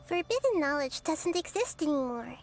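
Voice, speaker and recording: High-voiced little nature goddess Nahida. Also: female voice, sing-song, slight background noise. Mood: reassuring. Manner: gentle, measured, thoughtful. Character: kind, wise, childlike little nature goddess. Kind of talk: video game voice acting.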